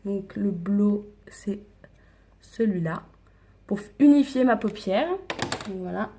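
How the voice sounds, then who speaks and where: Slow, mellow-voiced woman chatting through makeup. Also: mid-range voice. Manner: hesitant, many fillers, slips into soft whispers. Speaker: makeup vlogger. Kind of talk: casual makeup tutorial chat. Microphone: phone camera.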